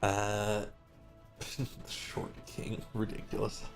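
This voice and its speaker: A man with a lowish voice leads a tabletop game session as its game master. He talks very slowly and drily, taking his time, with a joking edge. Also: completely flat delivery, faint music behind.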